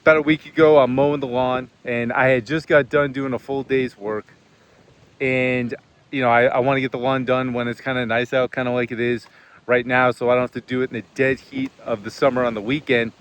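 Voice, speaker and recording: A man's voice: mid-range voice, level tone, a little fast, clear, resonant tone. A man giving a casual motivational talk, earnest and conversational, telling a personal story with frequent fillers. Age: adult, served in the military. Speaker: host.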